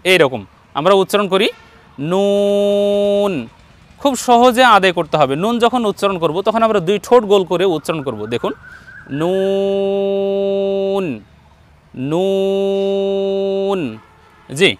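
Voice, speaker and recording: A man with a Bangladeshi Bengali accent teaching Arabic letter pronunciation in an online Quran lesson, speaking slowly and patiently and drawing out each letter sound. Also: sits high, very animated, fairly bright tone. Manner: slow, patient, drawn-out letter demonstrations.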